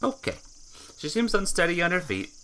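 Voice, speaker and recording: Playing through a visual novel, a gamer narrates the text aloud and gives the characters their own voices, sometimes tripping over a word and fixing it. The voice is medium-pitched, a little fast, pushed and bright, with big pitch swings. There's a faint hiss or hum.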